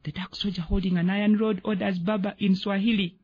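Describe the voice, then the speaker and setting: A man reading a dramatic story aloud on the radio, acting out the characters with an expressive, husky voice. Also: a little fast. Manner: expressive, voices the characters with big pitch swings. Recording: muffled radio broadcast.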